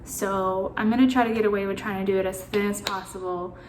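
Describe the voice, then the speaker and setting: A woman's voice: medium pitch, fairly even intonation, fairly quick, echoey room, noisy background. A woman vlogging casually on a phone camera, anxious and rambling, swearing now and then. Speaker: beauty vlogger. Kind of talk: casual chat.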